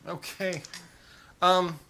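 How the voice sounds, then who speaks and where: A man running a tabletop game as game master, narrating scenes in an animated, playful way. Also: sits high, very slow, heavy background noise.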